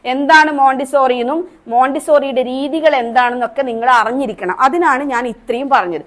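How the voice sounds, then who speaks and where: A Montessori trainer with a Malayali accent from Kerala teaches a teacher training class in a brisk, high-pitched voice. She asks the trainees questions and demonstrates sounds.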